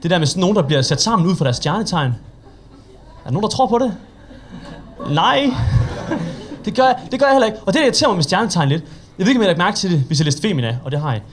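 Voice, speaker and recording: A man's voice: high-pitched, expressive. A young man with a Danish accent performing a stand-up set at an open mic, telling stories in a chatty, self-mocking way and acting out the people in them. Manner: chatty, self-mocking storytelling with quoted voices. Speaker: stand-up comedian.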